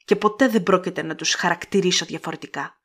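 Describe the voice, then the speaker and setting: Woman putting on a fiery young lady, biting and sarcastic, husky audiobook read. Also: lowish voice, fairly even intonation. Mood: scornful. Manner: curt, sarcastic, heated. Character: sharp-tongued fiery young Southern lady.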